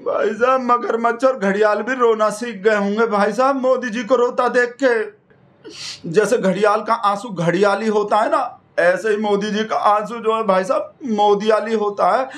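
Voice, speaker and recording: Male comic, high-ish voice, mock-devoted rambling satirical monologue. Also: fairly even intonation, normal speed, hardly any pauses, a bit bright. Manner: mock-devoted rambling, repeats "bhai sahab" constantly. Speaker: satirical comedian in character.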